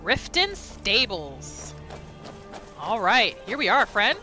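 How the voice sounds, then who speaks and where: A woman narrates a roleplay playthrough as a gamer, reacting with exclamations and rhetorical questions and speaking for the character, while video game music and sounds play behind her. Her mid-range voice is sing-song, slow-paced, pushed and bright.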